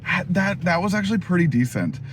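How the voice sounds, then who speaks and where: A man's voice: high voice, big pitch swings, fairly quick. A man hosting a casual car review, talking as he drives a pickup truck, with lots of fillers like "like" and "you know". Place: inside a pickup truck while driving. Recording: road and engine noise in a moving truck.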